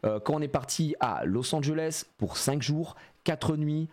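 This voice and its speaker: A man's voice: on the high side, animated, measured pace, a little mellow. A man in his thirties chatting casually on a live stream, rambling and joking with many fillers.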